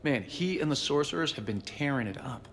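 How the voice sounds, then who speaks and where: An actor playing an easygoing military pilot with friendly, dry teasing in a video game. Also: male voice, mid-range voice, animated, a little fast, a bit bright, natural voice. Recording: reverberant room with background noise.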